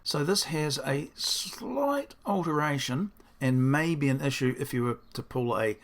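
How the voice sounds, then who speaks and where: A builder thinks aloud about his design in a casual diary-style video, his croaky, hoarse voice pitched on the high side. He sounds animated but talks a little slowly, rambling and putting himself down as he goes.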